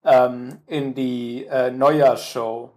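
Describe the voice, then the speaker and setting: A man's voice: mid-range voice, fairly even intonation, takes it slowly, a little mellow. A man co-hosting a podcast in casual conversation, hesitant and full of fillers. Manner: hesitant, many fillers, mimics other voices for quotes. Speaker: podcast co-host.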